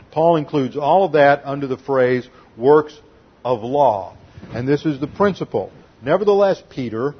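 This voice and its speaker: Male pastor, mid-pitched, slightly husky, methodical teaching sermon, muffled lo-fi recording. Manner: deliberate teaching tone, stresses and slows key words. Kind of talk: expository Bible teaching sermon.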